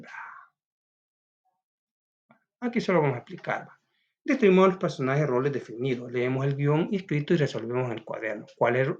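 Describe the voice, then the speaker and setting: A man's voice: medium pitch, muffled recording. A man teaching a recorded school lesson. He talks casually and often asks "va?".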